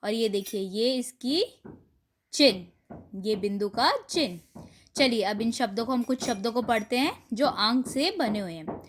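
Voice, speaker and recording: A woman teaching an online Hindi lesson to young children, reading words and a rhyme aloud slowly and clearly in a sing-song way. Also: a little high, slight background noise. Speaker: primary school teacher.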